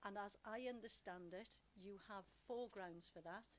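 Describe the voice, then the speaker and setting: A woman council officer sets out the voting procedure clearly and deliberately, pausing to check that everyone understands. She talks into a desk microphone in a council chamber, and a faint hiss sits under the recording. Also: medium pitch. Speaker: council officer advising members.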